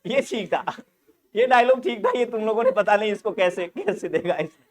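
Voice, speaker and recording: A man's voice: sits high, moderate pace. A man teaching a nursing exam class online, joking and teasing his students for laughing. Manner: animated, laughs often.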